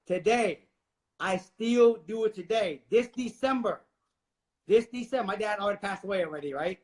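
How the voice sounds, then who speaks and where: A man from Vietnam in his forties talks as an interview guest with a high-pitched voice. He is emphatic and preachy and keeps turning to the listeners directly. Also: moderate pace. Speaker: guest, real estate investor. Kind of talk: motivational interview talk.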